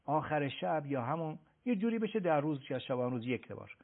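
A gravelly-voiced man gives study advice on a radio program. His delivery is emphatic and lively in pitch, as he addresses listeners directly, and the sound is narrow and phone-like. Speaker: education advisor.

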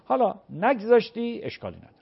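A man with a slightly raised pitch explains religious rulings in measured, drawn-out phrases, sometimes reciting prayer words to demonstrate. The sound is a little dull and muffled, like broadcast audio. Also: huge pitch swings, gravelly, slightly rough. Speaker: cleric answering religious questions. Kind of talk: call-in religious Q&A.

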